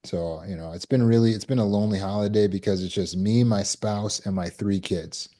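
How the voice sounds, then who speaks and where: A man's voice: on the low side, fairly even intonation, a little fast, mellow. A man giving a conversational self-help talk as a trauma recovery coach, acting out scenes and quotes as he goes.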